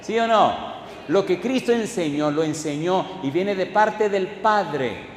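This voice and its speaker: A male pastor preaching a sermon, firing questions at the congregation and swinging from hushed asides to loud emphatic declarations. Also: high-pitched, expressive, slow. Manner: call-and-response questions to the congregation. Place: church hall. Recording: echoey hall with faint ambience.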